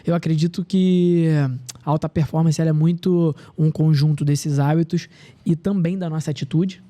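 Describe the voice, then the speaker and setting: Man, thirties, podcast guest, very dark mellow tone, slightly high pitch, earnest storyteller. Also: fairly even intonation, moderate pace. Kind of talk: casual podcast conversation.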